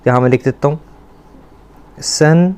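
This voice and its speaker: Man, patient teacher, slow repeated words, quizzes pupils. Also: fairly high pitch, darkish tone, smooth. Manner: patient, repeats words slowly to drill pronunciation; asks the pupils questions and praises answers. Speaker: Persian teacher. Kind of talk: teaching a class of children.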